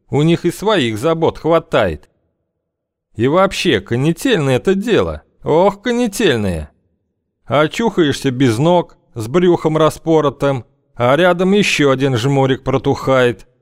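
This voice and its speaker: Man putting on a sinister gang boss, high strained voice, slow ominous delivery, dry sound. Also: no room sound. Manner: slow, ominous, heavy with slang. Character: sinister veteran male gang leader, wary and hard.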